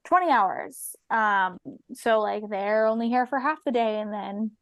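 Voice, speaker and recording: A woman's voice: medium pitch, steady tone, unhurried, clear, resonant tone, no room sound, lo-fi sound. A woman co-hosting a podcast in casual discussion, explaining with many fillers like um and you know. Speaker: podcast co-host.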